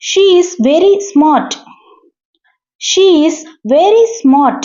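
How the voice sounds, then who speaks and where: A woman teaching English, reading each sentence and repeating it slowly and with careful enunciation. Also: very high voice, expressive, a little mellow. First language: Tamil. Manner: slow, deliberate, clearly enunciated repetition. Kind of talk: language lesson, sentences read and repeated. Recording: dull lo-fi recording.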